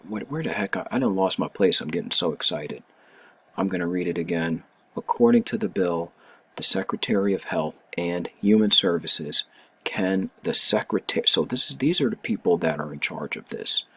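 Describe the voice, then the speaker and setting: Husky deep-voiced man, animated commentary. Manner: animated, emphatic, repeats and rereads phrases. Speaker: commentator reading a bill. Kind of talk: casual opinion commentary.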